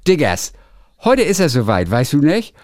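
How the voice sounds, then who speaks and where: A man's voice: a little high, wildly swooping pitch, normal speed, darkish tone, slight background noise. A man on a casual podcast, reading bits of a book aloud and laughing often. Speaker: podcast co-host.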